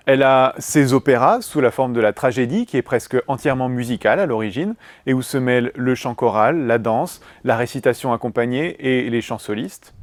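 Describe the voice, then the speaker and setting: A man narrating a scripted music history lesson in a clear, measured way, listing items one by one. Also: mid-range voice, dry recording.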